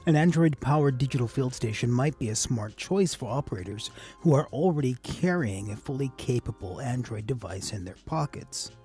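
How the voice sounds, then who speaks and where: An amateur radio operator hosts a tutorial, giving a casual, measured instructional voice-over in a mellow mid-range voice.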